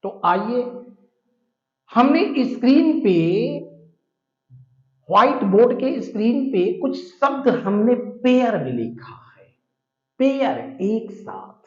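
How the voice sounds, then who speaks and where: A male English teacher with a very high-pitched, very animated but unhurried voice gives a classroom-style vocabulary lesson. He explains terms patiently, repeats words, and spells them out letter by letter, in an echoey, dull, lo-fi room.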